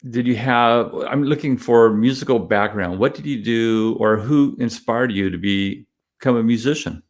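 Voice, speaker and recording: A man's voice: medium pitch, moderate pace. A man hosting a conversational interview, introducing and questioning his guest. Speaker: interview host.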